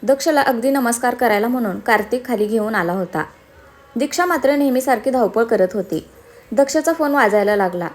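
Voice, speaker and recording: A woman storyteller reading a serialized romance drama aloud in a steady, expressive manner. Her voice sits somewhat high, and she narrates in a clear, scripted style. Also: brisk.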